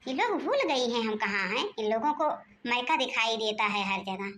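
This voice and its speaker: A domineering old mother-in-law, voiced by a woman, who shouts and taunts in a high, piercing voice. She scolds everyone around her with scornful, bossy sarcasm. It is a cartoon family comedy performance. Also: expressive, normal speed, slight background noise. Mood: scolding. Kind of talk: cartoon voice acting.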